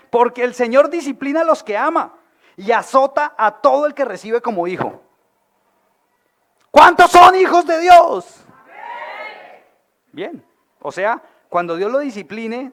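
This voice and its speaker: A man with a Colombian accent, preaching a sermon as pastor. He is colloquial and humorous and keeps asking the audience questions. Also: extremely high pitch. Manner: lively, asks the audience questions.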